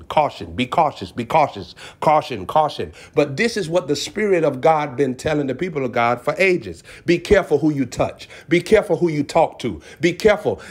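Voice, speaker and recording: A man with a somewhat high voice preaches as a self-styled prophet, delivering an impassioned, emphatic exhortation and repeating short phrases for effect.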